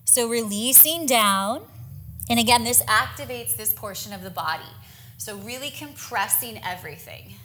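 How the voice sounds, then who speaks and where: A woman's voice: a little high, animated, moderate pace, bright, forceful tone. A young woman leading a yoga class, giving encouraging breath-timed cues and sounding a little out of breath. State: slightly out of breath. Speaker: yoga instructor. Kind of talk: guided yoga class instruction.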